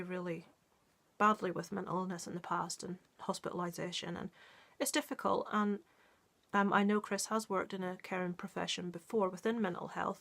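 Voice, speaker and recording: A middle-aged woman talks through a book in an earnest, casual way, full of ums and restarts. Her pitch stays flat and level, and she sits in the middle of the usual range for a woman. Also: creaky. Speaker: book reviewer. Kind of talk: casual book review, reading a story aloud.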